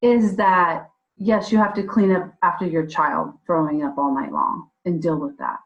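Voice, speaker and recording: Co-host, woman with a lower voice, chatty storyteller on a remote call. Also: fairly even intonation, moderate pace, highs cut off. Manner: tells stories with quoted dialogue. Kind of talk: casual podcast chat. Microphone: remote call mic. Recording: audio dropouts on a call.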